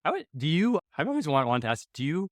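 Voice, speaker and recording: A man from the United States hosting a podcast, chatting in an animated, rambling way with casual swearing. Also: a little high, fast talker, no room sound, clean studio sound. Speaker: podcast host. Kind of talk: casual conversation.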